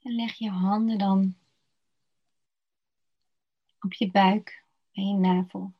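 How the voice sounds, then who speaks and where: Soft-spoken woman guiding a meditation. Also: medium pitch, steady tone. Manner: slow, soft, soothing, with pauses. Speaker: meditation guide. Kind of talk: guided body-scan meditation. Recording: dull lo-fi recording.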